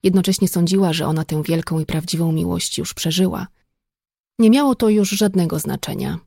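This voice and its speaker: A woman reading an audiobook in steady, even scripted narration. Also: fairly low pitch, fairly quick, vocal fry, no echo, clean studio sound.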